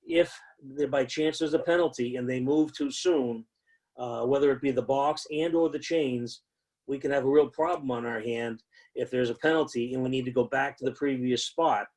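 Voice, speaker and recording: A man's voice: mid-range voice, a little mellow, poor audio. A man teaching new football officials in a conversational way, with frequent fillers and repeated emphasis. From United States. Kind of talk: instructional talk.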